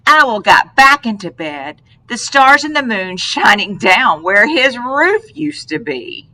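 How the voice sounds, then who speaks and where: Brief: female storyteller for a children's read-aloud, bright, fairly high voice, expressive, asks the listener questions. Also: slow pace, rough recording.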